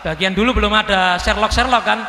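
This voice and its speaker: A man preaching a lively storytelling sermon, joking with the audience and quoting scripture. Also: sits high, fast. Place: school hall. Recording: echoey hall reverb.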